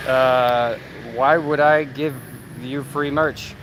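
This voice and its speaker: A man talks loosely to his livestream chat while out riding through city streets at night. His pitch sits in a middle range, and he trails off and restarts often. Traffic and street noise come through clearly behind him. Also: fairly even intonation, very slow, a bit bright. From Canada. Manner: rambling, answers chat, many fillers. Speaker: vlogger livestreaming.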